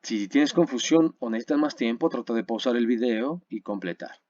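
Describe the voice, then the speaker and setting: A man teaching English grammar in a webinar, explaining patiently, checking in with his students often, and slowing down to spell and model words. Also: mid-range voice, darkish tone, no echo, dull audio.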